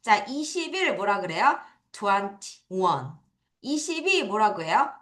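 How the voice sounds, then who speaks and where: In an echoey academy classroom, a woman with a mid-range, slightly bright voice teaches children English number words in a recorded lesson. She speaks slowly and very animatedly, explaining step by step while posing quiz questions to her students and answering them.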